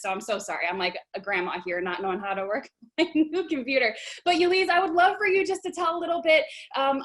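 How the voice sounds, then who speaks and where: A young woman in her twenties, hosting a business video call in a bubbly, excited way with frequent fillers. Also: mid-range voice. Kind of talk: casual livestream talk.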